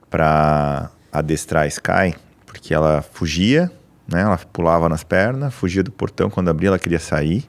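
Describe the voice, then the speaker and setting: A man hosting a podcast, chatting casually and telling a personal story about his dog. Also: deep voice. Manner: relaxed, tells personal anecdotes. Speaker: podcast host.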